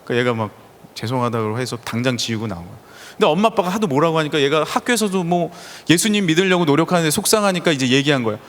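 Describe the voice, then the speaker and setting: A man preaching a sermon as pastor, telling stories in an animated way and acting out the people he quotes. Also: a little high, racing. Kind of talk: lively sermon with acted-out quotes. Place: church sanctuary. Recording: reverberant church hall.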